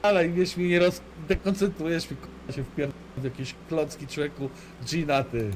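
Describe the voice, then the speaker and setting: There's a faint hiss or hum as a man with a slightly high, mellow-ish voice streams a game live at a moderate, steady pace. He swears constantly, teasing and trading crude banter with his chat and teammate.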